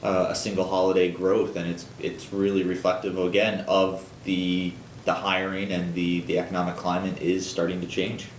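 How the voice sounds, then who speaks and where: A deep-voiced man co-hosts a small business news show, speaking loosely with frequent fillers and false starts. The room gives his voice a noticeable echo, with a faint rumble underneath. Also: completely flat delivery. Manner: halting, many fillers and restarts. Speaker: co-host. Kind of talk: casual news chat.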